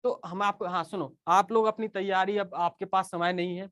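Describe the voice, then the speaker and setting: A man's voice: high voice, fairly even intonation, moderate pace, fairly bright tone. Male teacher, casual live class, conversational, keeps checking in with students. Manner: chatty, repeats "okay" often and speaks straight to students.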